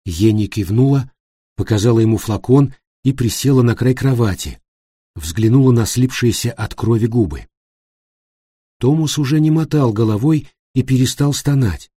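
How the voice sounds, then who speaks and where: Male audiobook narrator, mellow husky tone, steady tense storytelling. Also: mid-range voice, normal speed, no room sound, clean studio sound. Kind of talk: scripted narration.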